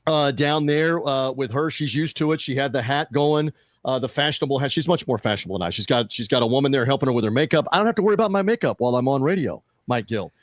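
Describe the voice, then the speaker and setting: Man, podcast host, casual sports talk, mid pitch, dry close sound. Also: expressive, fast, no room sound. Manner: conversational, fillers and restarts, reads out show plugs.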